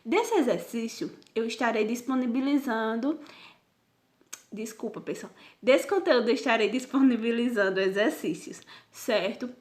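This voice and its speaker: A woman teacher giving a recorded grammar lesson to her students, patient and repetitive, checking in with "certo?" after nearly every point and sounding out syllables slowly. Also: a little high. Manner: patient, repeats "certo?" often.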